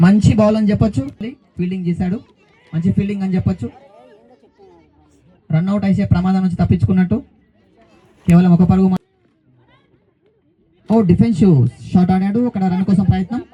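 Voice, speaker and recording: High-pitched man calling live cricket. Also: steady tone, a little fast, long pauses, highs cut off. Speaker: cricket commentator. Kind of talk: live cricket play-by-play commentary. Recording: outdoor crowd noise, open-air ambience. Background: crowd and outdoor noise.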